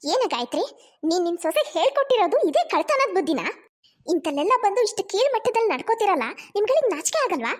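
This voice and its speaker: A woman's voice: very high voice, very animated, fast. A woman voicing a haughty, scolding middle-aged mother of the bride in a cartoon.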